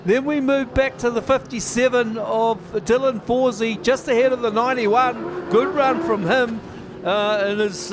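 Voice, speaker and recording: A New man calls speedway racing from trackside in a bright, high voice that gets excitable when the cars are battling. Loud engine and track noise rolls on behind him throughout. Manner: excitable and rapid during racing, calmer between races. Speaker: race commentator. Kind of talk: live motorsport race call. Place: outdoor speedway commentary position.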